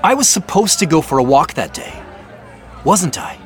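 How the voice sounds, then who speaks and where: An actor voices an earnest, probing male boss in a naturalistic audio drama, his voice a little high and sing-song at normal speed. He speaks in an insistent, questioning, conversational way, sounding accusing and probing.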